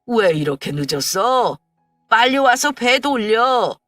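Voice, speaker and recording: A woman voicing a gruff, hot-tempered late husband who blusters and scolds, then turns tender, in a story reading. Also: a little high, big pitch swings, takes it slowly, fairly bright tone, no echo, voice pushed up, exaggerated voice. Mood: impatient. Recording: dry distant mic with faint music. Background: faint background music.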